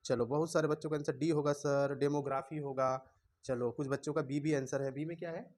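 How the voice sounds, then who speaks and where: A man's voice: a little high, steady tone, fairly quick, a little mellow. Scolding male teacher. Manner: scolding, chatty, colloquial. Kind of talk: classroom lesson. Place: classroom with students.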